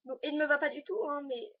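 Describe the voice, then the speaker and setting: A teenage girl chatting in a casual fashion vlog, rambling and hesitant as she shows items to her viewers. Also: high-pitched. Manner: talks to the viewers while showing items. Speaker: vlogger. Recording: dull lo-fi home video recording.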